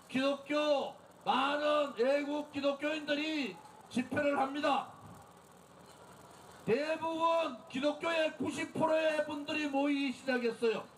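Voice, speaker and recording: A man delivering an impassioned, declamatory political rally speech as the leader, exhorting listeners and shouting slogans. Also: extremely high pitch. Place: outdoor street rally in front of a building. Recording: outdoor PA, echoing, distant, noisy crowd.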